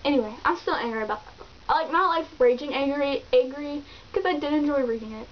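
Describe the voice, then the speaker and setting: A woman vlogger reviewing books in an animated, chatty way, full of exclamations and fillers. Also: high voice, fast talker. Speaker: book vlogger. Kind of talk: casual book review chat. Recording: dull lo-fi recording with faint hiss.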